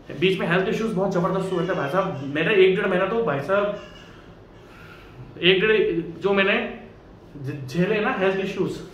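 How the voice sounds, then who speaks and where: Male tutor, high voice, chatty, asks and answers himself, very echoey room, mic at a distance. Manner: chatty, asks and answers his own questions. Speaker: engineering exam tutor. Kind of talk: casual Hindi lecture. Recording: echoey room from far off, faint hiss.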